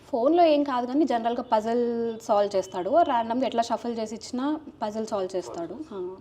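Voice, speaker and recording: A mother speaking casually in an interview, then patiently quizzing her small child and coaxing louder answers. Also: on the high side, fairly quick.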